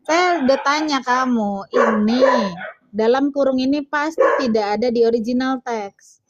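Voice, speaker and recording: A woman's voice: high-pitched, moderate pace, muffled recording, very noisy. A woman hosting a casual livestream debate, teasing and challenging her callers, laughing at them. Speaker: livestream host.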